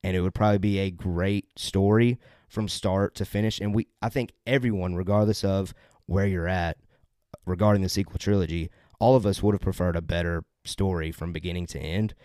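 Hosting a laid-back podcast, a man with a mellow, lowish voice speaks fairly quickly with fairly even intonation. He's upbeat and loose, fumbling through plugs and fixing his words as he goes, all captured in a close, dry recording with no room sound.

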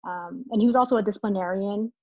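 A woman from Vietnam, a guest in an interview, speaking reflectively with many pauses and ums. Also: mid-range voice, warm tone, dry recording. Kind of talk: conversational interview. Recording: muffled, dull sound.

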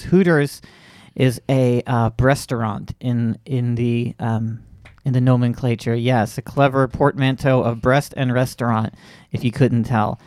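A man's voice: mid-range voice, a little mellow, dry recording. A male comedy podcast host from Central Florida talks in a chatty, wry way. He often restarts his sentences as he goes. The sound is dry and close. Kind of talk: casual comedy podcast hosting.

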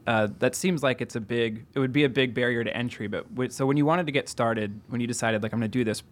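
A man hosting a show, narrating a scripted introduction and then interviewing guests. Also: medium pitch. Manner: measured, deliberate intro delivery. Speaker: podcast host. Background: faint music.

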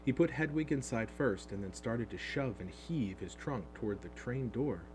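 A man narrating a storybook in an expressive, animated reading, heard over a steady hum. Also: mid-range voice, normal speed. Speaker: audiobook narrator.

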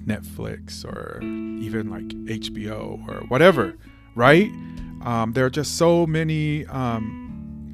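Man podcasting over guitar music. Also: medium pitch. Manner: informal, conversational. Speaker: podcast host.

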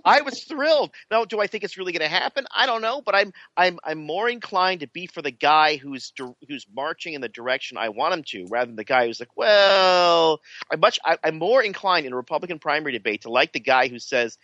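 A man's voice: fairly high pitch, animated, fast, hardly any pauses, bright, forceful tone, no echo. A man co-hosting a podcast, chatting casually about politics in a joking, sarcastic way. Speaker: podcast co-host. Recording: dry, dull lo-fi sound.

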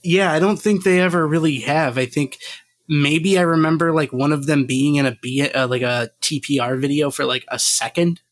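Man, podcast co-host, casual rambling chat, fairly high voice, dry close sound. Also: normal speed, no room sound. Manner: rambling, laughs often, swears casually.

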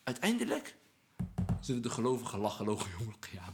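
A man's voice: mid-range voice, very animated, quick pace, background noise. A man speaking as a podcast guest, earnest and persuasive, preaching about patience and anger and mixing Arabic religious phrases into his talk. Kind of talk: casual podcast conversation, preaching tone.

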